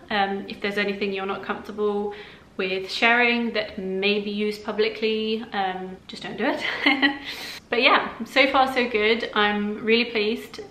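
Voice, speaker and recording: A young woman from the UK chatting casually to camera as a personal finance vlogger, relaxed and full of fillers like um and like. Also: medium pitch. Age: young adult. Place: living room of a flat, indoors. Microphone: camera in front of her at desk distance. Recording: roomy indoor sound.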